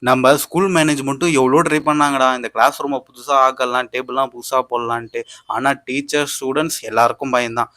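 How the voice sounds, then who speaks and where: A man's voice: mid-range voice, fairly even intonation, brisk, pushed and bright, no echo, studio quality, natural voice. A man voicing a jittery, easily frightened teenage schoolboy in a doll video. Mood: storytelling.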